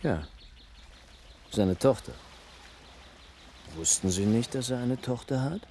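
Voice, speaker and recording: An actor playing a guarded man who questions a woman about a rich man's past, in a calm, probing way, in a radio play. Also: medium pitch, takes it slowly, slight background noise.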